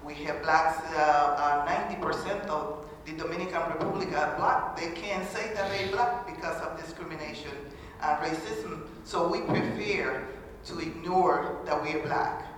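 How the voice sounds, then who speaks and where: A woman from Honduras whose first language is Garifuna gives a formal public talk at a panel event, her low voice captured from far off in an echoey hall with slight background noise and faint ambience. She speaks earnestly but haltingly, pausing often and restarting.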